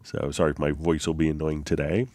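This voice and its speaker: This live software tutorial is led by a deep-voiced host whose slight cold leaves him nasal and congested. His delivery is flat and easygoing, full of fillers and restarts, and the recording is dry and close, without any room sound.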